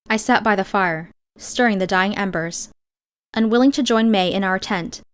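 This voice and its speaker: This is an audiobook reading of first-person fiction by a woman whose voice sits in the middle range. She narrates in a measured, expressive manner.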